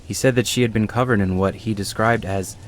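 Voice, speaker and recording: Man voicing a grim, deep-voiced village storyteller. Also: steady tone, a little fast, slight background noise, natural voice. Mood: grave. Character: grim village man recounting a horror tale. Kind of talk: scripted horror game narration.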